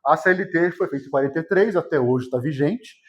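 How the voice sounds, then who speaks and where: With a São Paulo state accent, a history teacher from São José dos Campos, Vale do Paraíba, Brazil, delivers an informal exam-prep lecture and keeps checking in with quick tag questions. His voice is a little high and a little fast, and the recording's highs are cut off.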